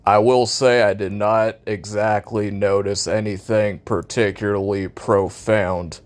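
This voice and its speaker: Deep-voiced American man ranting casually. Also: little pitch movement, unhurried. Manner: blunt, cynical, sarcastic complaining. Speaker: video game commentator. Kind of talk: casual opinion rant about a video game.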